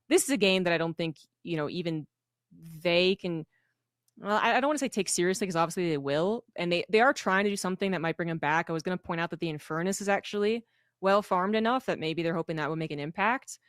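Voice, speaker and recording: A woman's voice: on the low side, quick pace, no room sound, studio quality. A woman with an American accent, casting a live esports match in a chatty, playful way. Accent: General American. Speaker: esports caster. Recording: noisy broadcast mix.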